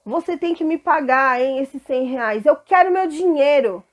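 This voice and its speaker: A woman voicing a desperate male servant in debt, crying out high pleas and later making loud demands. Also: a little slow. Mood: demanding.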